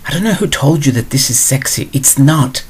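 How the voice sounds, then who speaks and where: A man's voice: mid-range voice, lively intonation, brisk, slightly rough. A man hosting a spiritual advice show, answering a viewer question in a blunt, digressive way.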